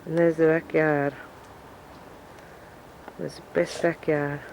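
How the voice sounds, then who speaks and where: Recorded on a camcorder microphone with a little hiss or hum and rough quality, this home video features an Australian woman casually touring her family house and backyard. Her deep, gravelly, darkish voice is flat and slow as she chats and reminisces while walking.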